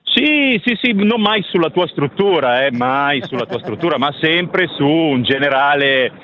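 A man calling in to a radio show over the phone, chatting casually and telling lively anecdotes. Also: a little high, a little slow. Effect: over the phone line. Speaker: caller. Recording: muffled phone line with faint background noise.

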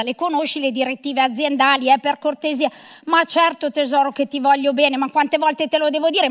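A woman's voice: sits high, fairly bright tone. A middle-aged woman performing a comic monologue of phone calls as a bossy, sarcastic career mother.

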